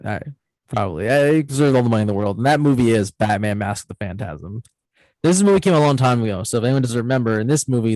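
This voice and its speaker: With a medium-pitched voice, a man hosting his channel rambles animatedly through a casual movie conversation, stopping to correct himself. The recording is rough, though without echo.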